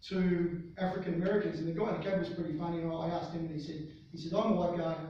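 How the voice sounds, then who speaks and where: An Australian man giving a conference keynote, telling a story in an animated way and often restarting his sentences. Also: fairly high pitch, rapid-fire, slight background noise. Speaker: conference speaker. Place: large conference hall. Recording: distant, very echoey, dull hall sound.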